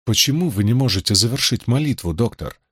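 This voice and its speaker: A man reading an audiobook, voicing a calm young clerk who questions in a measured, quietly insistent way. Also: medium pitch, slightly rough, no echo, clean studio sound.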